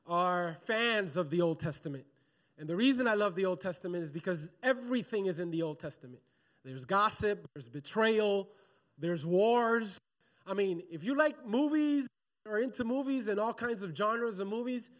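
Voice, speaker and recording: A man preaching a sermon in a church, in a casual, conversational way, often calling on the congregation to respond. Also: high voice. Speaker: pastor. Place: church sanctuary.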